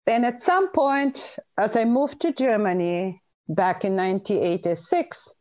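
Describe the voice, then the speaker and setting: As an interview guest, this Bulgarian dentist and author in middle age tells her stories earnestly and emphatically. She has a medium-pitched, darkish voice at a measured pace, and the audio has its highs cut off.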